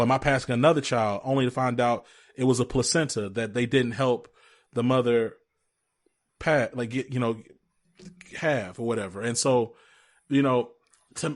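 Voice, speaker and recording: Podcast host, male, mid-pitched, casual and animated storyteller, talks in bursts with restarts. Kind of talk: conversational interview storytelling.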